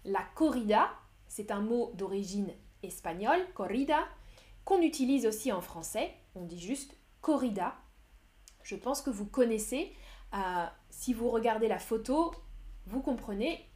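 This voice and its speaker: A young woman teaching French on a live stream, speaking slowly and clearly, explaining words with simpler synonyms and answering viewers' chat. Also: mid-range voice, darkish tone. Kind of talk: live-streamed language lesson, reading chat.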